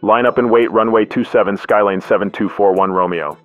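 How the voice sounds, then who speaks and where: A man playing a pilot, reading back air traffic clearances in clipped radio phraseology over a headset radio transmission. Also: lowish voice, a little fast, dull audio, faint music behind. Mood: matter-of-fact. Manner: terse, flat readbacks. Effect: pilot's voice over an aviation radio headset.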